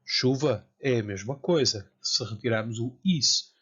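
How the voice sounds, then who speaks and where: Slow, husky man teaching a lesson. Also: mid-range voice, a bit bright. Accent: European Portuguese. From Portugal. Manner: slow, careful, spells out word forms. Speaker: Latin teacher. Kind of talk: lecture. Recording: dull lo-fi sound.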